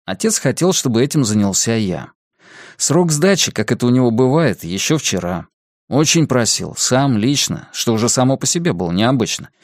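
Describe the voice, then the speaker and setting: A calm, patient young man in his twenties, voice lively but unhurried as he explains himself, in a male reader's own voice. Close, dry audiobook sound, no room around it. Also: mid-range voice, no room sound, close to an everyday voice. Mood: explaining. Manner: calm, even-tempered, patient. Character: calm young adult son, student. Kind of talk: audiobook character voice.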